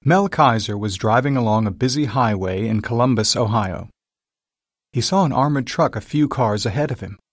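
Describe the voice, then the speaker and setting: A man narrating a simple story in a slow, clear, scripted reading style. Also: medium pitch, no room sound, studio quality.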